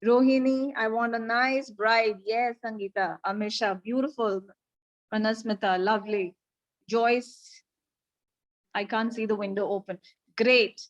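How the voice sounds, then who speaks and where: An energetic Indian-accented woman runs a live online grooming class, voice pushed up and projected to hold attention. Her pitch sits fairly high, yet she takes her words at an unhurried, deliberate pace, switching between English and Hindi as she coaxes her students. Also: muffled recording. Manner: mixes English and Hindi, coaxing and directing the class. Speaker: pageant grooming coach. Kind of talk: live online coaching session. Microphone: video call.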